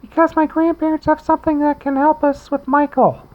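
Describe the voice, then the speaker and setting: A woman's voice: high-pitched, flat delivery, fairly quick, lightly acted. A woman voicing a bossy young woman who urgently leads her friends. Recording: dull lo-fi recording.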